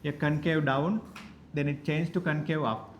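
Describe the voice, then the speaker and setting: A male maths teacher, dictating lecture notes slowly and repeating each phrase so students can write it down. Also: on the high side, fairly even intonation, slight background noise. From Sri Lanka. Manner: repeats phrases slowly for note-taking, spells words out.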